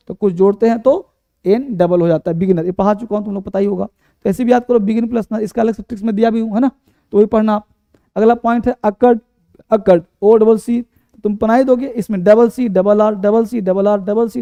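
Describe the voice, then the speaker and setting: A man's voice: high-pitched, warm tone, dry recording. A man teaching English spelling for exams, chanting letters over and over and quizzing his students. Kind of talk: exam-prep spelling lesson.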